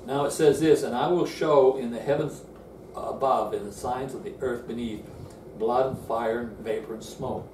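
Seated before a screen in an indoor room, an older male Bible teacher explains verses earnestly, frequently starting phrases over. His mid-range voice has a darkish tone, fairly even intonation and a moderate pace. The room sound is roomy, distant and noisy.

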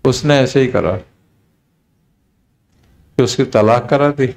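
Man telling a story in measured tones. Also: medium pitch, vocal fry, a little mellow. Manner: unhurried, recounting with quoted dialogue. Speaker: Sufi spiritual teacher. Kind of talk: storytelling in a conversational talk.

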